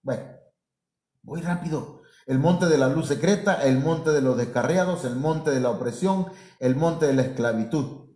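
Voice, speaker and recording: A man's voice: a little high, moderate pace, warm tone, roomy sound. A man, a pastor, preaching a sermon full of rhetorical questions and acted-out quotes.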